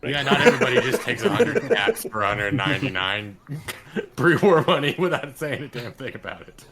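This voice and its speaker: A man's voice: medium pitch, fairly quick, a loud crowd. A man playing a tabletop game, joking and laughing as he chats. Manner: animated, joking, laughing a lot. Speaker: player. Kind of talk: casual chat during a tabletop game.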